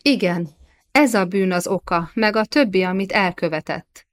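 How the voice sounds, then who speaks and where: A woman reading a storybook, voicing a pious young medieval queen who accuses her husband earnestly and gravely. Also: medium pitch, close to an everyday voice. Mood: accusing.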